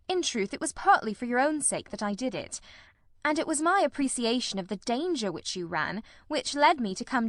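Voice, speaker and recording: In audiobook character dialogue, a woman voices a lean, keen gentleman detective, pitching the voice high for the role. Her cold, incisive delivery is precise, composed and politely teasing with an ironical edge, recorded very dry with no room sound.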